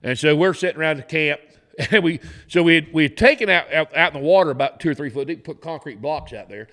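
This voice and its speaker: A man's voice: fairly high pitch, quick pace, a bit bright. A middle-aged man with a Southern accent, telling profane, laughing stories as a guest on a podcast. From Florida, US. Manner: folksy, profane, laughs through his stories. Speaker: podcast guest, former game warden. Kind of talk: casual storytelling. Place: podcast set in a garage studio. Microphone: studio mic on boom arm, headphones.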